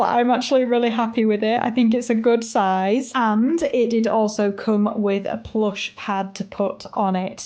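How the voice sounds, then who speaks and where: A woman's voice: on the high side, darkish tone. A woman reviewing guinea pig products in a chatty vlog, laughing often and cooing at her pets.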